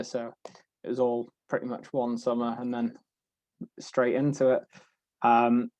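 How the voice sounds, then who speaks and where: A young man with a Liverpool accent, a barrister speaking as a guest on an online panel, relaxed and wry with frequent fillers. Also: mid-range voice, dry recording. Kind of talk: casual talk on an online panel.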